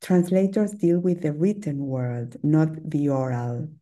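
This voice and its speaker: A middle-aged Argentine woman, a native Spanish speaker with an Argentine Spanish accent, chats as a podcast guest in a casual interview. Her deep, warm voice stays steady and a little slow. She's hesitant and talkative, full of fillers and restarts, and she laughs often.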